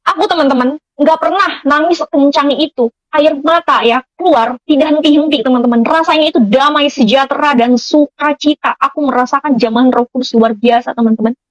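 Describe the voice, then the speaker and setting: A woman's voice: high-pitched, fairly quick, hardly any pauses, dry recording, highs cut off. A woman giving an emotional personal testimony, speaking earnestly to her listeners as friends, with many fillers.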